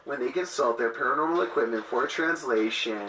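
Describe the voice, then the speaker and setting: A man's voice: medium pitch, a little fast. A man reading scripted narration as the narrator of a scary video countdown. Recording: distant, roomy playback with loud noise.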